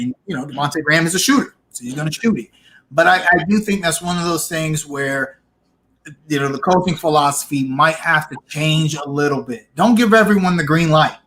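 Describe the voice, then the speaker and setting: A man co-hosting a casual sports podcast, opinionated and animated, restarting his sentences as he argues. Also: a little high, a little hiss or hum. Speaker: podcast co-host.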